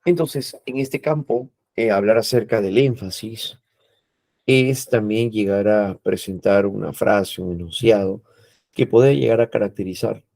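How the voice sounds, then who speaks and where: In a dry recording, a teacher talks through a lecture in a low, creaky, dark voice, taking his time. He explains patiently and keeps adding "¿no?" and "eh" as he goes.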